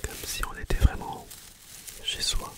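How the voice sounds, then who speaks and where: An ASMR host chatting casually in a breathy, unvoiced whisper, slowly repeating words and phrases. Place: at home, sitting on the floor.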